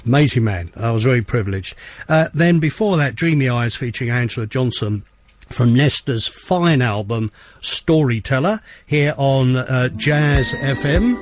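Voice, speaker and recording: A man's voice: mid-range voice, lively intonation, slight background noise. Chatty radio DJ, man. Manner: chatty, enthusiastic, many "uh" pauses. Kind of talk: casual radio presenting.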